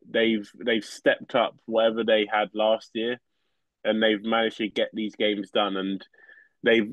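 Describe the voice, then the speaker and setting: A man's voice: on the low side, dry recording. A young man co-hosting a podcast in casual sports chat, rambling with lots of fillers. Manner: rambling, many fillers like "like" and "sort of". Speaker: podcast co-host. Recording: slightly dull podcast audio.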